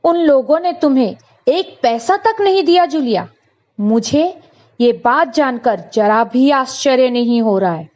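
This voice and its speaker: A woman voicing a stern male employer who loudly scolds and then lectures a timid servant, in a read-aloud lesson. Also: fairly high pitch, expressive, slow, heavily acted. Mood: angry shouting. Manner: loud, raised, indignant lecturing. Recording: dull lo-fi recording.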